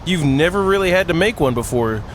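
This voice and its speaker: A man hosting a gaming video reads a story aloud in a goofy, giggly way, exclaiming and drifting off into joking asides while game music plays behind him. His voice is on the high side, expressive, and a little fast, with a little hiss or hum in the recording.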